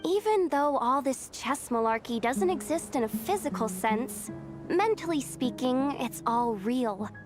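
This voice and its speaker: A woman's voice: sits high, animated, measured pace. A woman voicing an eager, loyal young employee in a video game, earnest and chatty, anxious to please. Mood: reassuring. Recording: music behind the voice.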